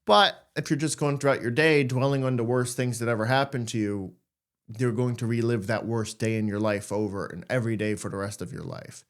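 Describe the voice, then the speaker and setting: A man's voice: medium pitch, fairly even intonation, a little fast. A man hosting a podcast, talking casually and candidly about anxiety, joking and acting out his own worried thoughts. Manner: candid, jokey, acts out anxious thoughts. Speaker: podcast host. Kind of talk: casual self-help monologue.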